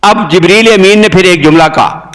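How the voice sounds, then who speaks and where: A man's voice: a bit bright, long reverb tail, poor audio. A man preaching an impassioned sermon as a mufti. His voice leaps up sharply on the phrases he stresses. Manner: impassioned, voice leaping high on emphasized phrases.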